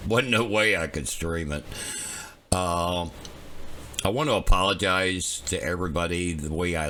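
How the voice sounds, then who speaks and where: A middle-aged man with a Southwest Ohio accent, hoarse from illness, chatting casually and folksily on a live weather stream, with many fillers. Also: low voice, sharp tone, a little hiss or hum. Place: home weather command center.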